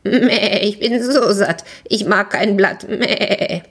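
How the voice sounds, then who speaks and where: A woman's voice: medium pitch, slow pace, breathy edge, pitched above the performer's own voice. A woman voicing a sly, lying goat that bleats its rhymes in a sing-song. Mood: bleating.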